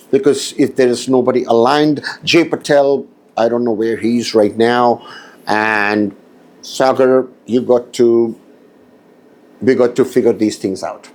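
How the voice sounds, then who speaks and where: A man coaching clients in a recorded voice message, talking emphatically with frequent pauses and repetition. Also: mid-range voice, darkish tone. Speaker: business coach.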